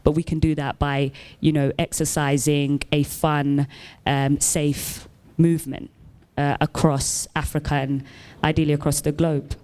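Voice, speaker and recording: Smooth-voiced woman, steady panel talk. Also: sits low. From Somalia. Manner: measured, many ums and restarts. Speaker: panel speaker. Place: conference hall stage.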